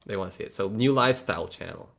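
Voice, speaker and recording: Rapid-fire and low, with vocal fry and a fairly bright tone, a Polish man hosts a casual livestream chat. He speaks with a Polish accent as a native Polish speaker from Poland, rambling and restarting, laughing often, and talking frankly with mild cursing.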